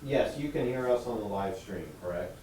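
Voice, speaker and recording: A man heard over a speakerphone on a call, asking low, unhurried questions. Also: lively intonation. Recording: echoey, distant speakerphone with loud noise.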